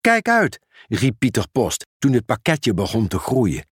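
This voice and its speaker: A man reading a children's storybook aloud in a measured, expressive way. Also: on the low side, breathy edge, dry recording, clean studio sound. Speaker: narrator.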